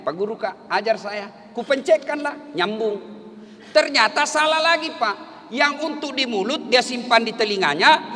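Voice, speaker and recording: Middle-aged preacher guy, really high bright voice, jokes around then shouts, hall echo. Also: a little hiss or hum. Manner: storytelling with jokes, rising to shouted exhortation. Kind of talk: humorous sermon. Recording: hall reverb, faint ambience.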